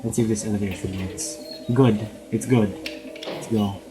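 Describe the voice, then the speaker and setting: A man's voice: on the low side, steady tone, moderate pace, rough recording. A man doing casual let's-play commentary, hurrying and throwing in apologetic asides while reading game dialogue aloud. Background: game music and keyboard typing.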